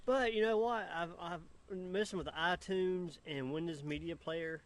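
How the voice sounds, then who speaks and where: An easygoing man co-hosts a relaxed outdoor chat. He rambles and laughs often, his voice slightly high for a man. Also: normal speed, no echo. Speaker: podcast co-host. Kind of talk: casual chat.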